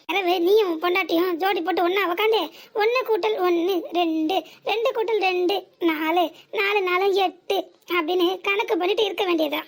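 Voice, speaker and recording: A bossy old village mother-in-law from a cartoon comedy, speaks with a southern Tamil accent. She scolds in rapid-fire sarcastic insults. Her voice is pitched extremely high and shrill. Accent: southern Tamil, Tirunelveli area.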